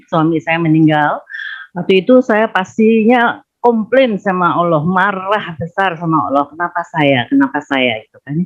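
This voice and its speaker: Female caller, earnest and emotional, a bit halting, muffled lo-fi audio. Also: lowish voice. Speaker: caller sharing her experience. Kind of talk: earnest personal sharing.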